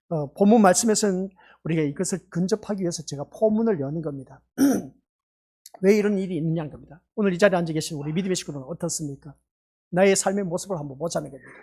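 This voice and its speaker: Church pastor, husky tone, fervent sermon delivery built on rhetorical questions. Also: medium pitch, a little mellow. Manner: fervent preaching full of rhetorical questions to the congregation. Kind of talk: evening worship sermon. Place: small church sanctuary.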